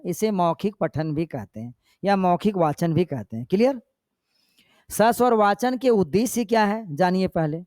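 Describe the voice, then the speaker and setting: An older male teacher giving an exam-prep lecture. He often checks that the class understands and dictates notes slowly. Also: sits high, no room sound, clean studio sound. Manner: checks understanding with repeated questions; demonstrates slow, paused recitation.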